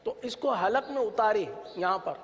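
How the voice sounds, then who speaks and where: High-voiced man teaching letter sounds. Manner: drawn-out demonstration sounds between plain explanations. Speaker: Quran reading teacher. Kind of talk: recitation lesson with drills. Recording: noisy recording with long reverb.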